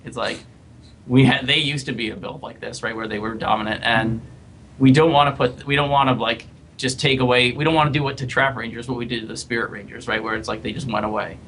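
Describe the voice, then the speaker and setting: A man, a game developer, thinking aloud in a casual podcast panel discussion, often pausing and restarting. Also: mid-range voice, fairly even intonation, a bit bright, slight background noise. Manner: hesitant, many fillers and restarts.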